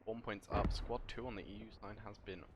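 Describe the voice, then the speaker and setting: A man co-commentating a team shooter match with calm, measured analysis. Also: on the low side, noisy background. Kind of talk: casual esports commentary. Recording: loud game gunfire and artillery behind.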